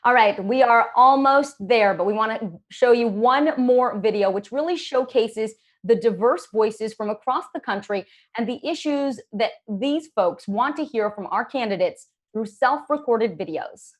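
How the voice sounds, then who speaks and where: A woman's voice: on the high side, animated, a little slow, hardly any pauses. A woman moderating a live-streamed town hall from a home room, presenting in an upbeat, conversational way on a lapel mic.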